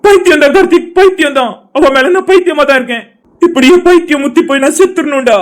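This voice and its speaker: Brief: grief-stricken young man in a cartoon drama, rapid and broken, begging to be left alone, a dubber voicing him. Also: sits high, natural voice. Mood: despairing. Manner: pleading, tearful and broken. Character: grieving young man, desperate and suicidal.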